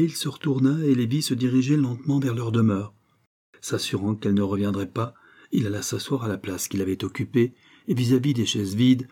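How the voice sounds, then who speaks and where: A man reading a classic novel aloud as an audiobook narrator, in a calm, even storytelling manner. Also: fairly low pitch, husky. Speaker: audiobook reader.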